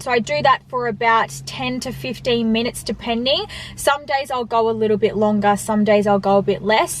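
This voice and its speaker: A woman's voice: mid-range voice, a little hiss or hum. A woman talking casually and emphatically to viewers in a vlog style while she eats. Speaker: online fitness coach and vlogger. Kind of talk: casual chat to viewers, mukbang Q&A.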